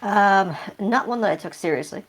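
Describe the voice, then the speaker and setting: A man speaking through a voice changer that pitches his voice deep, answering interview questions casually and hesitantly with many fillers. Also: moderate pace, fairly bright tone, rough recording. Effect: voice changer, pitch shifted deep. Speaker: project developer guest.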